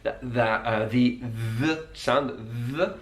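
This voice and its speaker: A man coaching on accents, explaining sound by sound in a calm, methodical way. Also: medium pitch, takes it slowly, reverberant.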